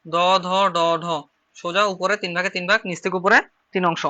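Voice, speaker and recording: High, bright-voiced Chittagong Bengali teacher. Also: male voice, level tone, fairly quick, highs cut off. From Bangladesh. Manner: repetitive, drilling, step-by-step explaining. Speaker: shorthand teacher. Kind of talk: online class instruction.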